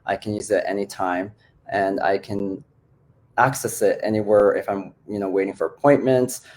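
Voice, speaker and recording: A man's voice: lowish voice, steady tone, moderate pace, darkish tone. A man born in the Philippines who works as a business coach, talking casually with many fillers on an online group call. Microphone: video call.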